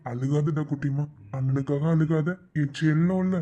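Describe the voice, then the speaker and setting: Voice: medium pitch, steady tone, normal speed, dull audio, heavy background noise, lightly acted. A performer voicing a loving elder brother in a cartoon, tenderly soothing his sister.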